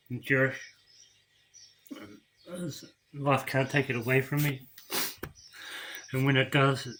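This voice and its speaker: A middle-aged man speaking on the verge of tears, his bright, forward voice catching and repeating words as he pushes through a personal story. There is a faint hiss of noise behind him. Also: mid-range voice. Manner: emotional, tearful, halting with repeated words. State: crying. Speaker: vlogger.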